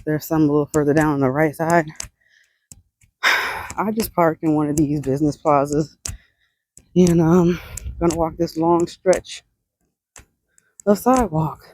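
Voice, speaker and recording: A woman's voice: sits low, steady tone, unhurried, pauses often, darkish tone. A woman vlogger, chatting casually and laughing often, short of breath as she walks outdoors along a roadside sidewalk. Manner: chatty, laughs often, sighs between sentences. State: out of breath while walking. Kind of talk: casual chat.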